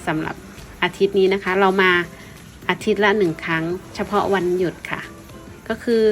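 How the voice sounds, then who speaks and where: A woman's voice: medium pitch, fairly even intonation, normal speed, rough recording. Thai woman vlogging politely over music. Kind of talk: informal explanatory vlog narration.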